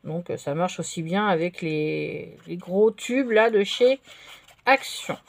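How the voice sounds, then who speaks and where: A woman chatting casually while she crafts at her table, relaxed and full of fillers. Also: fairly low pitch, slow, vocal fry, no room sound. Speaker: craft vlogger.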